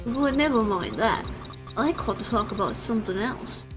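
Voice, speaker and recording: A woman's voice: fairly high pitch, animated, moderate pace, over music. A woman voicing a sinister male caller who hides his voice with a voice changer, taunting as she reads game dialogue aloud. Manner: mocking, taunting. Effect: voice-changer disguise, imitated vocally.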